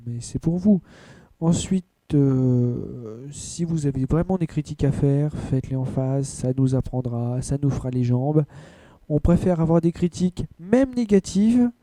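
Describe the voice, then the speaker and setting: With a dark tone on the high side and no room sound, this podcast host rants bluntly and casually through anime and manga news, his rambling thick with filler words.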